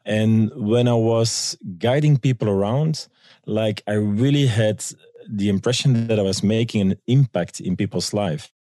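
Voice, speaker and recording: This Belgian-accented man from Belgium has a fairly low, warm voice and an unhurried delivery, captured in studio quality without any room sound. Appearing as an interview guest, the tour guide and business owner shares anecdotes in a conversational way, performing the lines he quotes.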